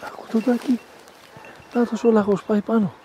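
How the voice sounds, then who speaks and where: A man's voice: high-pitched, flat delivery, mellow. A man training a hunting dog, calling and coaxing it with short repeated encouragements while commenting on what it does. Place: outdoor field. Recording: noisy outdoor recording.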